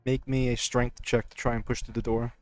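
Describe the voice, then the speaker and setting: Smooth-voiced man narrating a tabletop game. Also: medium pitch, flat delivery, fairly quick, no echo, soft background music. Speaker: game master.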